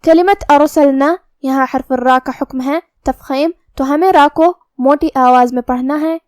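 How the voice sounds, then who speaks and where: A woman's voice: high voice, a little mellow, no room sound, clean studio sound. A woman teaching Quran recitation rules, explaining each rule step by step. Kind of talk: tajweed lesson with slow recitation.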